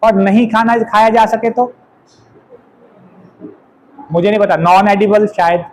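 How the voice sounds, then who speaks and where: A man teaching an exam vocabulary lesson, chatty and teasing, reading definitions out slowly. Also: high-pitched, steady tone, darkish tone, low-quality recording. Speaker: English teacher.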